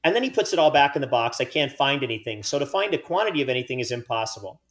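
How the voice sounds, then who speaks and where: A man's voice: mid-range voice, big pitch swings, very fast, fairly bright tone. A man hosting a casual podcast, joking and teasing himself as he reads out giveaway winners and details. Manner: joking, self-mocking banter. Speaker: podcast host.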